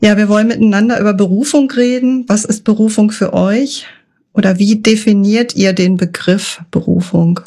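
A woman's voice: medium pitch, fairly even intonation, normal speed, dark tone. A woman hosting a podcast interview, asking her guests friendly questions.

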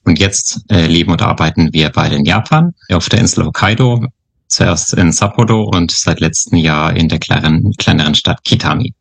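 A man in his thirties from Upper Franconia, a missionary guest speaking calmly and quietly in a podcast interview, with some hesitations. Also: sits low, normal speed, vocal fry, breathy edge, no room sound. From Upper Franconia, Germany. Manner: calm, quiet, hesitant with fillers.

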